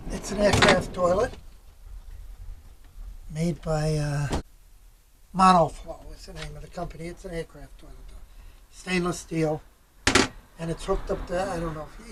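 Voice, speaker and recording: A vlogger inside a small camping trailer giving a casual hands-on how-to, haltingly thinking aloud while working. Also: medium pitch. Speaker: vlogger, DIY host. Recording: background noise, room ambience.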